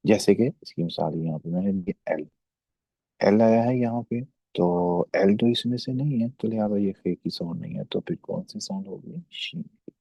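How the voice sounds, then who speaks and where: A man's voice: on the low side, vocal fry, dark tone, slightly rough, no echo, poor audio. A man teaching German basics in a classroom-style lesson, explaining step by step and checking in often with his students. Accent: Pakistani. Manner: explains slowly with repeated check-ins.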